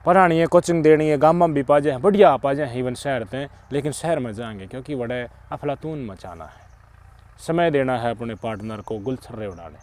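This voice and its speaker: A middle-aged man with a Haryanvi accent gives preachy, emphatic social commentary as a channel host, swinging between loud outbursts and muttered asides. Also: medium pitch, fairly quick.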